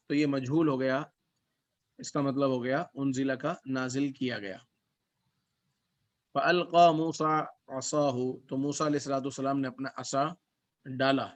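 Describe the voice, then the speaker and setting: A man teaching Quranic Arabic as a class lesson, reciting verses slowly and then explaining them word by word. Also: medium pitch. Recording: dull lo-fi recording.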